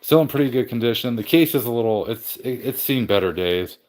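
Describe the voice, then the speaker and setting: A man with a mid-range, expressive and slightly mellow voice speaks briskly as he hosts a casual livestream from his game room. He says hello to viewers and rambles through his collection, often restarting and correcting himself.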